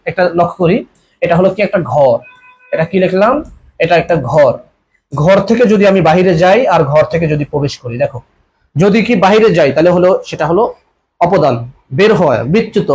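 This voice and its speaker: Quick high-voiced male tutor. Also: darkish tone. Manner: repetitive, coaxing, repeats questions and urges comments. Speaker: admission coaching teacher. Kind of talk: live online exam-prep class.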